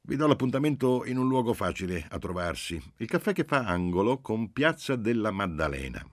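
A man voicing a hearty, overly familiar police agent who talks loudly on the phone in an audiobook. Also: fairly low pitch, sing-song, brisk, dry recording, studio quality, pitched above the performer's own voice. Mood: jovial.

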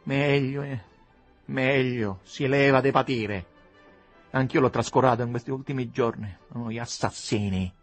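A man voicing a frantic, tearful noblewoman who breaks into shrill outbursts. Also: moderate pace, faint music behind, close to an everyday voice. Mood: scolding.

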